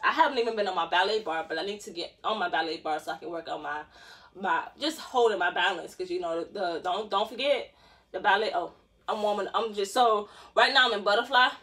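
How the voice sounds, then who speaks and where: Her voice is medium-pitched, a bit bright, and brisk. A 20-something dance vlogger, she jokes and chats to camera as she stretches in a small room, her phone set on the floor, tossing in lots of slang and laughter.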